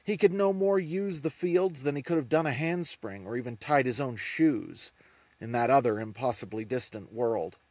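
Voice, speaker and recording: A man reading an audiobook in a steady, measured storytelling style. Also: medium pitch, no echo. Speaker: audiobook narrator. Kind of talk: scripted narration.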